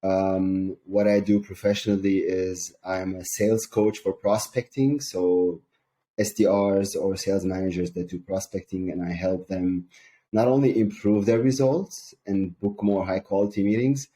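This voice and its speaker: A man from Syria, a sales coach, speaking calmly and measuredly as an interview guest, with frequent ums. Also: low-pitched, a little slow, slight background noise.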